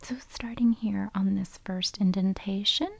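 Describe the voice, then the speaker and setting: Casting: woman for whispered role-play of a gentle, methodical foot doctor; breathy whisper with creaky edges. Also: medium pitch, steady tone, measured pace, dry recording. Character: calm, gentle foot doctor examining a patient. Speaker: ASMR performer playing a foot doctor.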